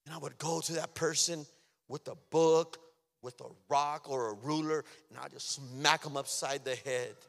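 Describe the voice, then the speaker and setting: A man's voice: a little high, steady tone, normal speed, gravelly. Emotional man giving testimony in reverberant hall. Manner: emotional, swings from loud outbursts to near-whispers. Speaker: testimony speaker. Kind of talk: personal testimony.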